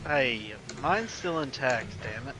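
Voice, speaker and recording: A young man chatting casually and laughing often with teammates while sim racing, with excited callouts. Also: medium pitch, slow pace. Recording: noisy game audio behind voice chat.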